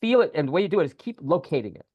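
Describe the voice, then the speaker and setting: A man co-hosting a casual podcast, talking in an animated, repetitive way and coaching a listener through a guided breathing exercise over a video call. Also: on the high side, very fast, dry recording, lo-fi sound. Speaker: podcast co-host, spiritual teacher.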